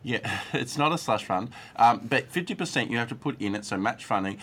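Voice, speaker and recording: A man hosting a casual panel chat, asking questions quickly and restarting often. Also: medium pitch, expressive, a bit bright, slightly rough. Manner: fast, chatty questioning with restarts. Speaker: podcast host.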